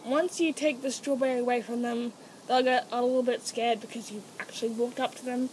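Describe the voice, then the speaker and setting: A woman's voice: on the high side, steady tone, a little fast, darkish tone, a little hiss or hum, rough recording. Teenage girl coaxing her guinea pigs. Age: teens. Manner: coaxing sing-song calls to her pets between explanations. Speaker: guinea pig owner demonstrating training. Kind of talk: casual home tutorial. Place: at home beside a guinea pig cage.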